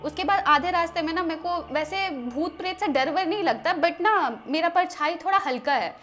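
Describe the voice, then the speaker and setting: A woman in a vlog telling her side of a story in a relaxed, plain-spoken way with some hesitations. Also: extremely high pitch, moderate pace. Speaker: guest in a vlog, relative of the host. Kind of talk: casual storytelling.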